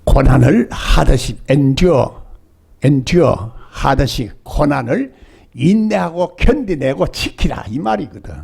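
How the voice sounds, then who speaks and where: A man's voice: on the high side, expressive, a little slow, gravelly, a little mellow, husky. An older male pastor with a Gyeongsang Korean accent, preaching a sermon and often asking the congregation rhetorical questions.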